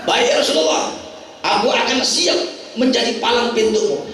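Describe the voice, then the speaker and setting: A man's voice: very high-pitched, moderate pace, a bit bright, slight background noise, pitched above the performer's own voice. A man voicing a devoted, eager young male companion who pleads, recorded from a distance in an echoey prayer hall.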